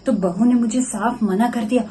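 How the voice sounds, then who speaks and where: A woman's voice: on the high side, fairly even intonation, moderate pace, warm tone, a little hiss or hum, natural voice, rough recording. A woman acting a stubborn, hot-tempered older mother-in-law in a short family skit, rambling through her complaints and stammering when she feels guilty. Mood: complaining.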